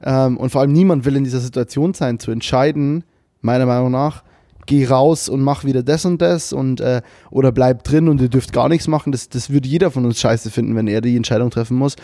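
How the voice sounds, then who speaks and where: A man's voice: medium pitch, a little fast, dark tone, dry recording, clean studio sound. A young man co-hosting a casual podcast, speaking loosely with slang, swearing and English words mixed in. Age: young adult. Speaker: podcast co-host. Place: remote call at a computer with webcam.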